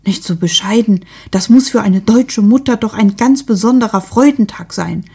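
A woman's voice: mid-range voice, moderate pace, darkish tone, slightly rough. A woman voicing a nosy, gushing middle-aged female neighbor who chatters eagerly and fawningly.

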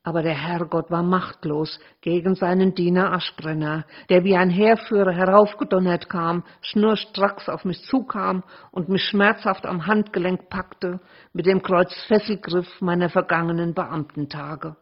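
A woman author reading a passage from her own novel aloud, with dramatic and lively narration. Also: fairly low pitch, measured pace. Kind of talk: expressive literary reading. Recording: muffled lo-fi recording.

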